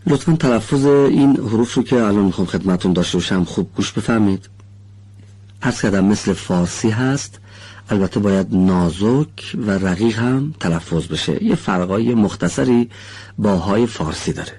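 In a recording studio, a man teaches the correct pronunciation of letters for Quran recitation, speaking slowly and deliberately. He models each sound carefully and offers students polite encouragement. His voice is lowish, animated, mellow and husky.

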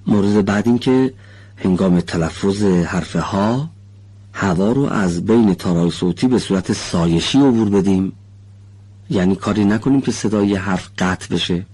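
A man with a very low, somewhat breathy voice teaches pronunciation in a studio. He spells out each sound slowly and deliberately and praises students politely. His delivery is patient and instructional. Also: a little mellow. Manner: slow, deliberate, models sounds carefully; polite, encouraging toward students. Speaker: Quran recitation teacher. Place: recording studio.

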